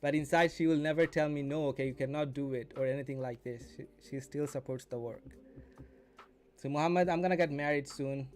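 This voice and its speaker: In a fairly high, steady, slightly mellow voice and at a somewhat fast pace, a man in his 20s mentors viewers on his casual day trading live stream. He chats and teaches, often repeating and rephrasing himself.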